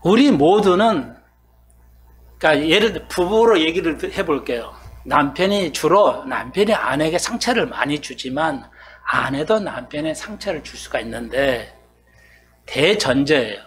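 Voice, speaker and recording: High-pitched male pastor, chatty sermon delivery, quizzes the congregation and acts out their objections. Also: animated, unhurried. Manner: conversational, asks the congregation questions and acts out their replies. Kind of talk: expository sermon.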